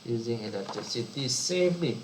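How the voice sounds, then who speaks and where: A man's voice: medium pitch, expressive, a little fast, slight background noise, poor audio. A man teaching a science lesson to children, often repeating and rephrasing his words. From Brunei. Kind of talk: slow online science lesson.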